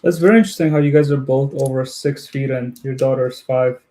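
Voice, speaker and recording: Livestream host, man from Ukraine; mellow, dark tone, easygoing chatter with frequent laughs. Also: mid-range voice, fairly even intonation, quick pace. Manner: friendly, chatty, laughs often while building. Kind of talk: casual chat with live viewers.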